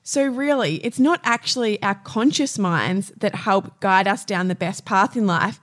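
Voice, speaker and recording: A woman's voice: mid-range voice, measured pace. A young adult woman speaking as a podcast host, moving between scripted presenting and casual chat.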